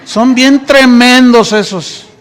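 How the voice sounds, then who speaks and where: Mexican pastor guy preaching, high voice, keeps asking the crowd questions. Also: takes it slowly. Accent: Mexican Spanish. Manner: teaching, asking the congregation frequent rhetorical questions. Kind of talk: sermon.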